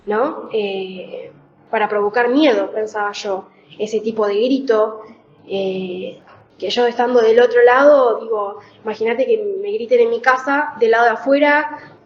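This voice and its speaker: Woman, church talk, halting with fillers, muffled recording. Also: a little high. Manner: conversational, with many fillers and pauses. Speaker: church speaker. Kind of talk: preaching a Bible reflection.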